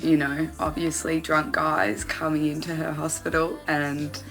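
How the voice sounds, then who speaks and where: A woman's voice: low voice, level tone, a little slow, a bit bright, faint music behind, poor audio. A woman, an actress, being interviewed about her role.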